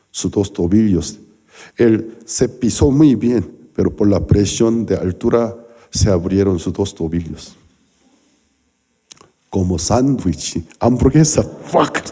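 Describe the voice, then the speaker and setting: A man's voice: lowish voice, warm tone, slightly rough. A male pastor delivering a sermon, telling stories animatedly with acted-out quotes and sound effects.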